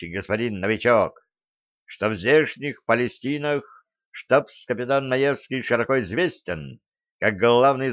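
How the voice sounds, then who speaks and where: A man's voice: mid-range voice, a bit bright, no room sound. A man voicing a jovial, brash staff captain who banters in old-fashioned courtly speech, on a dry, slightly dull recording.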